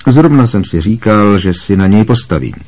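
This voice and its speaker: A kind, middle-aged wizard teacher with a wry, gently amused calm, voiced by a man reading a storybook. The voice sits deep and carries a husky grain.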